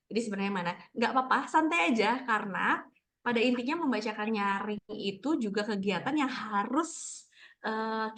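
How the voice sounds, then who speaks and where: A woman facilitating a read-aloud workshop over a video call, explaining in a relaxed, reassuring way with many fillers. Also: mid-range voice. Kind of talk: casual teaching on a video call.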